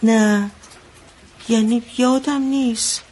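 A woman's voice: a little high, steady tone, a little hiss or hum, lightly acted. An actress playing an anxious mother who recounts a bloody wedding in a radio drama, telling it vividly. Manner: vivid storytelling, shouting out the quotes she retells.

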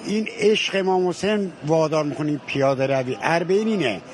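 An older man from Mianeh, answering a reporter's questions in a soft-spoken, modest way. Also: a little high, lively intonation, slight background noise. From Mianeh, Iranian Azerbaijan. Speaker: interviewed pilgrim, grandfather.

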